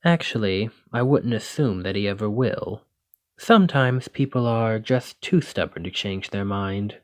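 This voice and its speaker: A man voices a bookish, gentle librarian with dragon blood, playing a devoted boyfriend in an ASMR roleplay. He sounds earnest, frank and reassuring, with a voice on the low side that is animated yet measured in pace.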